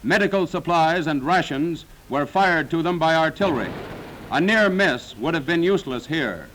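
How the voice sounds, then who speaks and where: A man's voice: on the high side, expressive, moderate pace, a bit bright, a little hiss or hum, poor audio. A man narrating a 1940s wartime newsreel in a dramatic, solemn, declaiming manner.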